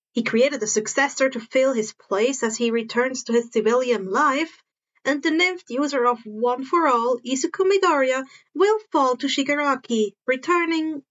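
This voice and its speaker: A high-voiced woman narrates a fan fiction story on a modest home recording with dull audio. Now and then she stumbles over words and repeats them.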